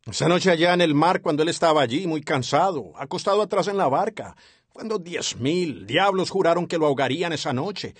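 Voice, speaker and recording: A man's voice: fairly high pitch, husky, no echo. A man dubbing a sermon as an interpreter, earnest and following the preacher's rhythm, on a close studio mic. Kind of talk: dubbed sermon translation.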